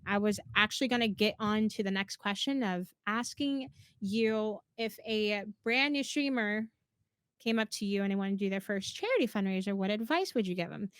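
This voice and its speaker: A woman's voice: mid-range voice, normal speed, a bit bright, clear, resonant tone, dry recording. Upbeat woman hosting a casual interview. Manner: upbeat, enthusiastic, laughs often. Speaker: interview host.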